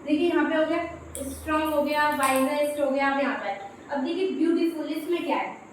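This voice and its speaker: Female grammar teacher, high voice, strong room echo, faint hiss behind. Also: brisk. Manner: explains step by step, repeating "dekhiye". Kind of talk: Hindi classroom-style grammar lesson. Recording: very echoey room, faint background noise.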